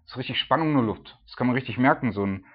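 A man preaching an informal sermon, talking casually with frequent "ne?" tags and sometimes acting out loud, high cries. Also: very fast. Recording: dull lo-fi sound.

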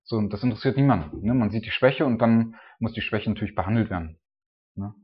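Low-voiced man preaching casually. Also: fast, dull audio. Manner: informal, tags nearly every sentence with a questioning "ne?". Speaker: preacher and church planter.

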